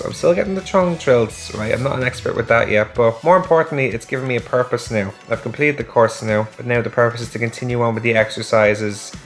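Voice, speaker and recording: A man in his thirties from Dublin with an Irish accent, a rock vocalist giving an eager testimonial. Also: fairly low pitch. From Dublin, Ireland. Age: 30s. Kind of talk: personal testimonial.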